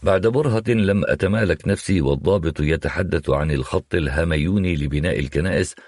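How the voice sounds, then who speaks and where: A man narrating a novel in the first person, in a measured, reflective reading. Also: low voice, darkish tone, no echo, studio quality. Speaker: audiobook narrator.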